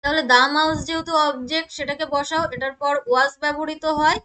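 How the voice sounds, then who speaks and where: A young woman with a Bengali accent teaching an exam-prep English class. Her voice sits high and rings bright. She reads each English option out slowly, then explains the answer in quicker Bengali. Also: steady tone, rough recording.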